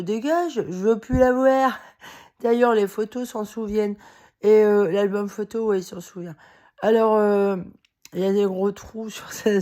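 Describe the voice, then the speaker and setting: A worn-out woman speaks straight to her audience in a loose, rambling monologue. Her talk is heated and blunt, broken up with fillers, curses and short bursts of laughter, in a voice of ordinary middle pitch. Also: mellow. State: very tired. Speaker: vlogger. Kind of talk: casual spoken monologue to camera.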